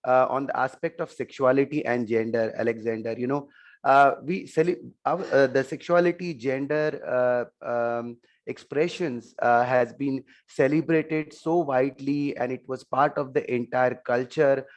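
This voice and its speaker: A man with an Indian accent speaks as a guest expert on a panel. He explains things in short, halting phrases, as if presenting. The pitch of the voice is average. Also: fairly even intonation. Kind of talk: explanatory panel talk with slides.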